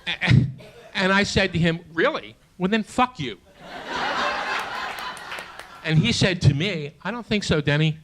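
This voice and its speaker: A man in his late sixties performing a stand-up comedy set in a small theater, with a halting, self-deprecating delivery full of restarts, and audience laughter behind him. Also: high-pitched, lively intonation, background noise. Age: 60s. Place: small theater stage before a live audience.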